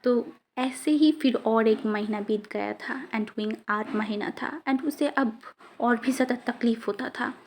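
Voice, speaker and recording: A woman's voice: a little high, measured pace, a little hiss or hum. A woman casually retelling a fan fiction story, chatty and mixing in English words.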